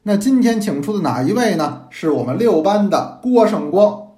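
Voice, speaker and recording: A man, a teacher telling a historical story in a lively, playful storyteller's manner. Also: high-pitched, normal speed. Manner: lively, animated, playful asides to listeners. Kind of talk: storytelling in traditional narration style. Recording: echoey room.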